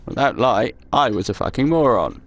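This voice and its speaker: A young man hosting a let's play speaks at a moderate pace in a medium-pitched voice that swings widely. Playing a horror game, he casually reads its notes aloud and mocks and swears at it. You can faintly hear game music.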